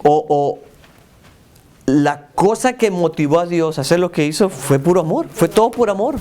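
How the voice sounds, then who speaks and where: A man leading a church meditation class in a fairly high voice. He praises his students often and reads scripture aloud, leaning on a different word each time. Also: animated, moderate pace, mellow, slight background noise. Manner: encouraging, repeats "muy bien", reads verses aloud with shifting emphasis. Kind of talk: teaching a Bible meditation class.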